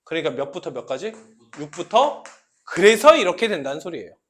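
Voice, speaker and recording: A man's voice: on the high side, sing-song, fairly quick. A man teaching a math class, often asking students questions and repeating key points as he explains. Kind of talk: classroom lecture.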